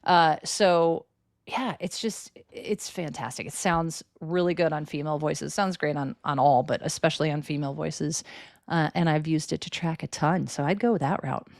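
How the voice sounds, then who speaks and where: A woman's voice: deep voice, steady tone, moderate pace, vocal fry, no room sound, clean studio sound. A woman co-hosting a live selling stream who demos microphones in an upbeat, chatty way. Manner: upbeat, salesy, laughs often. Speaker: co-host demoing microphones.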